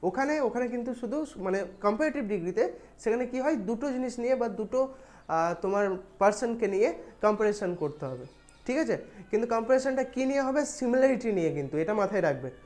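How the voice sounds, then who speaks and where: A young woman with a Bengali accent teaching an exam-prep grammar lesson. She explains patiently, speaks straight to her students and reads English examples slowly. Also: on the high side, lively intonation, a little mellow.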